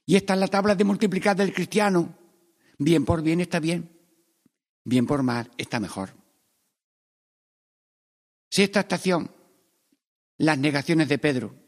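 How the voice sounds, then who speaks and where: A man leading a Stations of the Cross meditation, praying aloud and swinging between hushed pleas and loud, emphatic lines. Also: on the high side, a little slow, pauses often, long reverb tail. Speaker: priest.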